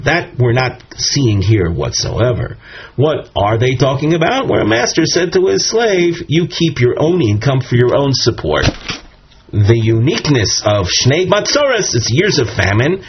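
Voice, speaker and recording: A man's voice: mid-range voice, slightly rough. A man teaching a Talmud lesson, explaining step by step and quoting Aramaic and Hebrew phrases. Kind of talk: text study lesson. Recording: dull lo-fi audio recording.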